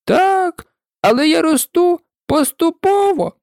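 Woman doing a squeaky grumpy dormouse. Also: expressive, takes it slowly, gravelly, darkish tone, dry recording, clean studio sound, exaggerated voice. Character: grumpy small male dormouse.

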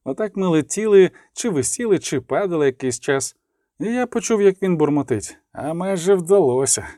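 A man reading an audiobook as narrator, with lively dramatic emphasis and the dialogue lines voiced. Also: high voice, moderate pace, dry recording, studio quality. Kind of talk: scripted narration.

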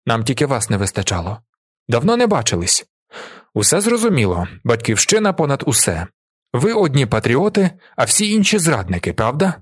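Casting: a man as a gruff sarcastic ex-soldier, husky, lively delivery. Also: medium pitch, a little fast, dry recording, clean studio sound. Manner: grumbling, sarcastic.

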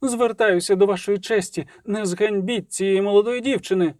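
A pompous older matron with a brittle, high voice, as a man puts her on. She speaks with haughty indignation. The reading is dry and close to the mic. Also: normal speed, a little mellow, no room sound, lightly acted. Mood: indignant. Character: haughty older female chaperone, stout.

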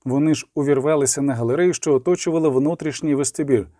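Male audiobook narrator, fantasy, mellow warm tone, dry close studio sound. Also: fairly high pitch, fast talker, no room sound.

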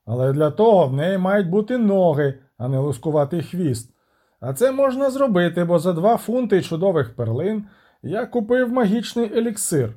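A man's voice: high voice, big pitch swings, normal speed, dark tone, voice pushed up. A man voicing a proud, stubborn prince in love who makes hot-tempered demands. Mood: demanding.

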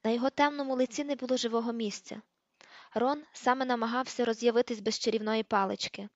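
A woman narrating an audiobook in a steady, even storytelling manner. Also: on the high side, fast talker, dry recording. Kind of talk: audiobook reading. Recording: dull lo-fi recording.

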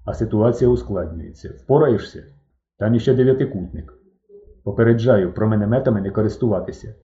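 Man playing a gruff commanding alien chief. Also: fairly low pitch, brisk, dark tone, lightly acted. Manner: barking orders, gruff. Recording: dull, roomy recording.

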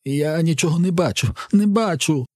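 A man voicing a tall, heavy young man who is panicked and sobbing, pleading in a high, whimpering voice. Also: normal speed, darkish tone, dry recording, clean studio sound, lightly acted.

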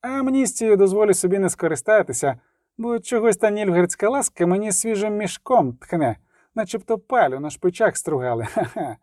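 A woman's voice: mid-range voice, expressive, normal speed, mellow, no room sound, clean studio sound, pitched above the performer's own voice, lightly acted. A man doing a scornful young woman outlaw. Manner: scornful, mocking.

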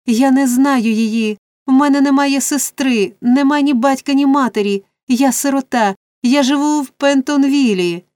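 A woman voicing a frightened orphan boy, crying out high and frantic. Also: moderate pace, darkish tone, no echo, clean studio sound, close to an everyday voice.

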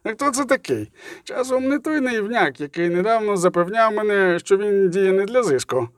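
A man's voice: sits high, expressive, moderate pace, dry recording, studio quality, pitched above the performer's own voice. A man doing a sneering, greedy old lawyer. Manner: sneering, sarcastic. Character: scheming crippled male lawyer, sardonic and greedy.

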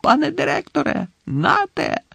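A man's voice: very high-pitched, wildly swooping pitch, normal speed, creaky, no echo, voice pushed up, exaggerated voice. Harry, a man doing a frantic young wizard. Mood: desperate. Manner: shouting, urgent and breathless. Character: frantic teenage boy wizard, desperate.

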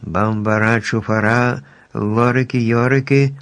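A man voicing a brave, polite young girl who speaks with eager excitement in a storybook reading. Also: medium pitch, measured pace.

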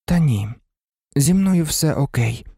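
A man's voice: fairly high pitch, expressive, slow pace, dark tone, breathy edge, no room sound, clean studio sound, pitched above the performer's own voice, full character voice. A man voicing a stubborn, bitter teenage boy who talks grimly. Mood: brooding. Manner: stubborn, grim.

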